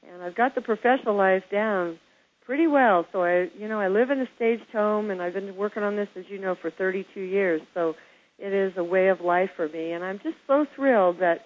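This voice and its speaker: A woman's voice: medium pitch, brisk. Effusive middle-aged woman host on a phone line. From Kansas, USA. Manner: effusive, gushing praise, calls the guest girl. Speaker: host of a home-staging show. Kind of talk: casual interview on a phone line.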